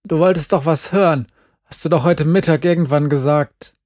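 A man voicing a tough, heartbroken young girl who curses and shouts in an audiobook reading. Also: a little high, normal speed, no room sound, studio quality, lightly acted. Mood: mocking. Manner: shouting, cursing, tearful. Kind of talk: audiobook character voice.

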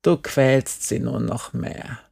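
A man voicing a stubborn, weary old farmer in an audiobook, speaking in a slow, drawn-out grumble. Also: mid-range voice, creaky, a little mellow, full character voice. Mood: grumbling. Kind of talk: audiobook character voice.

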